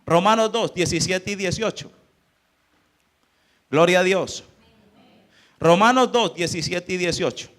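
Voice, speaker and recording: A man's voice: high-pitched, measured pace, long pauses, fairly bright tone. A man preaching a sermon as pastor, firing rhetorical questions at the congregation. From Colombia.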